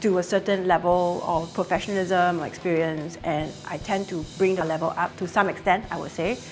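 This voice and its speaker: Frank woman, slightly low voice. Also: fairly even intonation, fairly quick, soft background music. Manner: frank, emphatic, casual swearing. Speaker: professional musician. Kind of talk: documentary interview.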